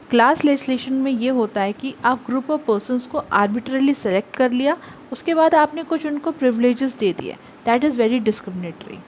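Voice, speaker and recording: A young woman teaches a law class to her online viewers, explaining each point step by step and often switching into English legal terms. Her voice sits slightly high. The recording is a little dull, with a faint hiss underneath. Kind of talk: online lecture. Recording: slightly dull audio with faint background noise.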